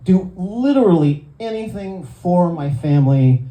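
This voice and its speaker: A man in his sixties doing a stand-up comedy set, self-deprecating and quick with punchlines, slipping into voices for his friends. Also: sits high, lively intonation, warm tone. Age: 60s. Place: club stage before a live audience. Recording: echoey room, faint crowd ambience.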